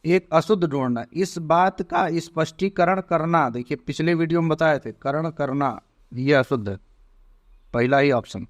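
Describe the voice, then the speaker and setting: A man teaching an exam prep lesson, slowly spelling out words one by one. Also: fairly high pitch.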